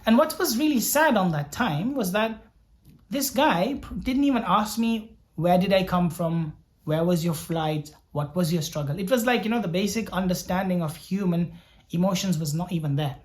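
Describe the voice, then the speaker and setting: A man's voice: high-pitched, animated, moderate pace. A young man from Sri Lanka, a doctor, telling his story in an earnest, reflective way, often repeating words as he thinks aloud. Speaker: doctor vlogger. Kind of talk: personal storytelling vlog.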